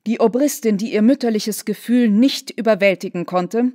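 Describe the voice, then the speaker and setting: A woman actress giving a measured, dramatic reading of a classic novella with formal diction. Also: medium pitch, warm tone, no echo, studio quality.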